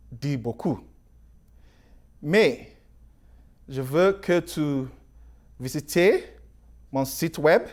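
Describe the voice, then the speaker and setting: A man with a foreign accent in French, a non-native speaker giving a halting, apologetic campaign message in simple words. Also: fairly high pitch. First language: not French. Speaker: mayoral candidate.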